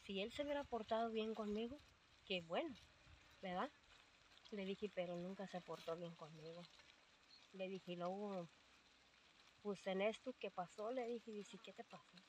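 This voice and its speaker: A woman's voice: medium pitch, moderate pace, long pauses, slight background noise. An older woman with a Mexican accent, telling her story in a rambling way with many fillers, quoting what others said. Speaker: interviewee. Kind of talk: casual storytelling.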